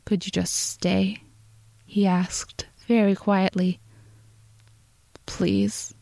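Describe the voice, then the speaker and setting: Woman reading as a rough-voiced, hesitant man. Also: mid-range voice, normal speed, a little mellow, no echo, lightly acted. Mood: pleading. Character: anxious lonely male inventor, rough and hesitant.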